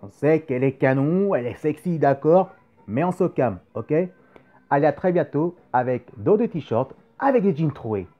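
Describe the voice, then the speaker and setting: A man's voice: fairly high pitch, expressive, moderate pace. A man hosting a casual video chat about comics and films, rambling with many fillers and repeating himself. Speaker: YouTube host. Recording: dull lo-fi sound with faint music.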